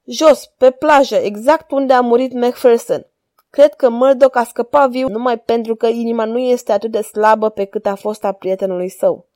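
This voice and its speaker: A woman's voice: on the high side, steady tone, a little mellow, natural voice. A woman voicing a frightened man who pleads urgently for help in a storybook reading. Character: frightened, desperate male schoolmaster.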